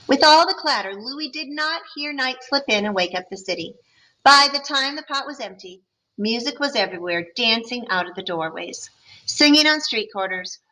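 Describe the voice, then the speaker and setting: A teacher reads a picture book aloud to young students, pausing between passages to ask questions and explain the story in a friendly manner. Her voice is bright and rather high, with a friendly, patient tone, and the recording quality is low.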